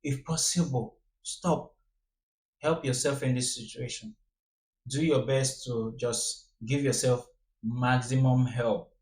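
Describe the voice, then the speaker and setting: A man talks straight to his viewers in a casual, earnest way and keeps pleading with them to be careful. His voice sits at an ordinary middle pitch. The sound rings off the walls of an echoey room. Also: steady tone, slow pace, a little mellow. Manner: earnest, repeating pleas to be careful. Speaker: vlogger giving a warning. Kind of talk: casual direct-to-camera commentary.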